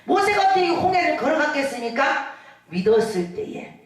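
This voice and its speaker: A woman pastor preaching a lively sermon, calling out hallelujahs and acting out the people in her stories. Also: high-pitched, brisk. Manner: animated preaching with shouted hallelujahs and acted-out quotes. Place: church hall. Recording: echoey hall from far off.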